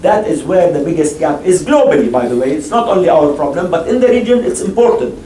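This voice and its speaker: Recorded from a distance in an echoey lecture hall with faint noise, a panelist discusses investing and takes audience questions. His somewhat high, mellow voice moves quickly with lively intonation, and he speaks emphatically, repeats points and keeps restarting sentences.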